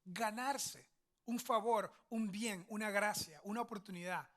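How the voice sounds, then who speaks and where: Speaking at a measured pace in a high, somewhat bright voice, a pastor tells anecdotal family stories during a conversational sermon. He often checks in with his audience using "verdad?" and "ok?"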